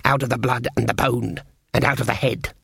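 A man's voice: medium pitch, little pitch movement, a little fast, fairly bright tone, no room sound, studio quality, heavily acted. A man voicing a stubborn old witch woman. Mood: stern. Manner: gruff rustic speech, dropped grammar.

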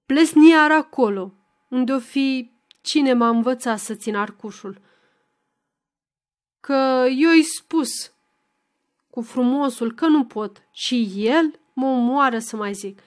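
Woman doing a worn-out male fiddler, grumbling, cursing, loud, fairly high. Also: natural voice. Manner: exasperated, grumbling curses.

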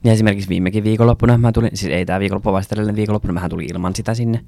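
Creaky low-voiced man chatting casually. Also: fairly even intonation, mellow, no room sound, studio quality. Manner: swears casually, tells stories with quoted dialogue. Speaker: podcast co-host. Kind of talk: casual chat.

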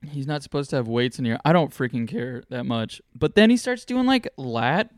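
A man co-hosting a podcast, telling a funny story in a casual, animated way with lots of laughter. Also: mid-range voice, normal speed, dry recording, clean studio sound. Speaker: podcast co-host.

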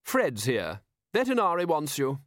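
A brisk, kindly aristocratic lady talks in a bright, fussing way, as a male narrator plays her. Her voice is pitched well above the reader's own and swings about lively. The sound is close and dry. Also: no room sound, full character voice. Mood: firm.

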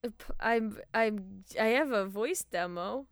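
A woman's voice: mid-range voice, measured pace, no room sound, clean studio sound. A woman co-hosting a podcast in casual chat, talking in a hesitant way with many restarts. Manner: hesitant, full of fillers and restarts. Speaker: podcast co-host and new voice actor.

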